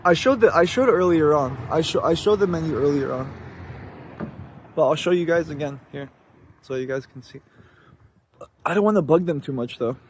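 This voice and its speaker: A man's voice: fairly high pitch, moderate pace, long pauses. A man live streaming in casual, slangy talk, addressing his viewers like buddies. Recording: noisy street and vehicle background.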